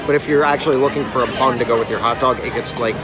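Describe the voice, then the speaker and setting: A man's voice: medium pitch, fairly even intonation, racing. A man co-hosting a food review in a casual, chatty way, with wry, opinionated remarks. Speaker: co-host of a food review show. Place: outdoors in a busy theme park. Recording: crowded outdoor park with music. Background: music and crowd chatter.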